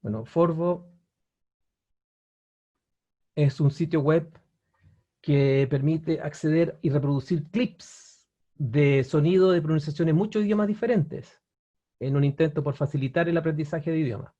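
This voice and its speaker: A man presenting an online webinar lesson, his voice on the higher side but mellow and dark in tone. He explains step by step, often pausing on fillers and restarting words, and checks in with his viewers now and then. The audio is dull and lo-fi, as if from a computer mic. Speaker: language teacher presenting a webinar.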